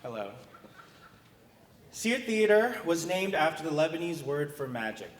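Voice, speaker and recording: A man, an artistic director, reading a prepared introduction at a theater awards night in a measured way. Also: fairly high pitch, big pitch swings, a little hiss or hum. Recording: echoey theater hall.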